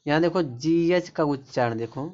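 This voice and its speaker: A man's voice: a little high, normal speed, darkish tone. A man explaining English pronunciation rules, pointing at examples and repeating them. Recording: dull lo-fi recording.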